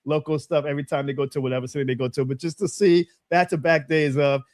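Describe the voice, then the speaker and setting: An eager, quick-talking man from New Orleans co-hosts a sports podcast, his voice sitting a little high. It is recorded close and dry, with no room around it. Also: no echo. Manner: enthusiastic, fast and animated. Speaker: podcast co-host. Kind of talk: casual sports podcast chat.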